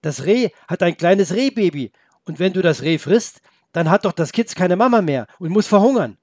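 A man's voice: fairly high pitch, expressive, moderate pace, dry recording, clean studio sound, voice pushed up. A man doing an eager little boy. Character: young boy, eager and brave though timid.

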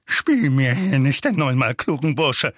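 A man voicing a fat, furious middle-aged uncle in an audiobook, shouting hoarsely and trembling with rage. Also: extremely high pitch, sing-song, a little slow, dry recording, clean studio sound, pitched above the performer's own voice, heavily acted. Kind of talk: audiobook character voice.

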